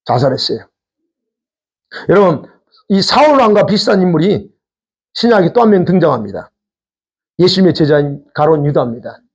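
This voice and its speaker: Pastor guy preaching, kinda high voice that jumps around a lot, raspy, asks the church questions. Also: big pitch swings, normal speed, long pauses. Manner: conversational preaching with rhetorical questions. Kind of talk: sermon. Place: church sanctuary.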